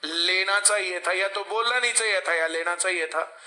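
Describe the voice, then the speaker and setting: A man's voice: high-pitched, moderate pace, sharp tone. A male coaching teacher, lecturing a class and often asking the students to answer him. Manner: lecturing, asks class for replies.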